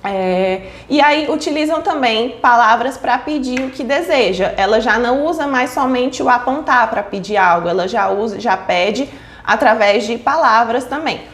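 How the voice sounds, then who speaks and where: A woman's voice: on the high side, expressive, normal speed, reverberant. A woman giving an explanatory online lesson on child speech development, often checking in with her listeners as she goes. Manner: frequent checking fillers like "certo?" and "tá?".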